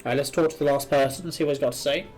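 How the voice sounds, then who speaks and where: A man with a fairly high, darkish voice races along while streaming a video game, thinking aloud as he works through puzzles and reads them out. Video game music plays behind his live commentary.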